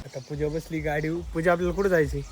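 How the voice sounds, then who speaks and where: Over very noisy surroundings, a man talks fast in a fairly high, fairly even voice. He's a vlogger chatting casually with his audience while recording on a handheld phone outdoors among farm and village scenes.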